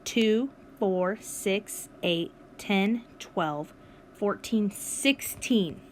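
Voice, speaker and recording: A woman's voice: mid-range voice, expressive, measured pace, slight background noise. A woman teacher recording a math lesson for her students, upbeat and encouraging as she walks them through each step. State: has the hiccups. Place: at home with her dog nearby.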